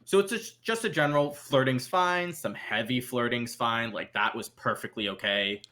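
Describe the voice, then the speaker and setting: Guy gm narrating a tabletop game, really bright tone, lots of ums and restarts. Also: medium pitch, moderate pace. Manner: relaxed, hesitant, many ums and restarts. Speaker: game master.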